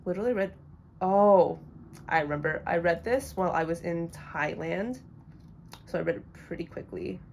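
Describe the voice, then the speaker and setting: A woman's voice: on the low side, moderate pace, creaky, a little mellow, slight background noise. A young woman casually rambling through blunt opinions on books she has read, with lots of fillers. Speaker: book vlogger. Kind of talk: casual chat.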